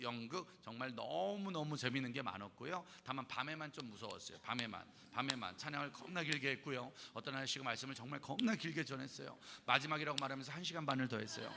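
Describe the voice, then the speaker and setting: A gravelly, medium-pitched man in his forties preaches a youth revival sermon as a pastor in a church hall, with echo and background noise in the recording. He tells humorous stories and acts out the voices of the people he quotes.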